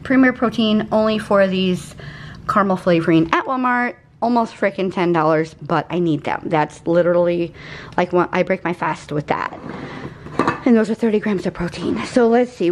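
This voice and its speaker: A slightly high female voice with a bit of hiss or hum belongs to a vlogger in her forties. She presents her groceries in her home kitchen, talking casually, rambling, and drifting off on tangents.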